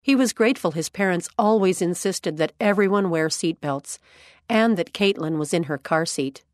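A woman narrating a scripted story in a calm, measured way. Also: fairly low pitch, no echo, studio quality.

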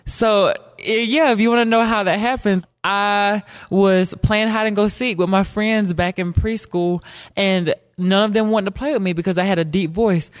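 A man's voice: high voice, fairly even intonation, normal speed, no echo. A young man from South Carolina, telling a personal story in a casual, joking way and acting out quotes. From South Carolina, USA. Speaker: storyteller guest.

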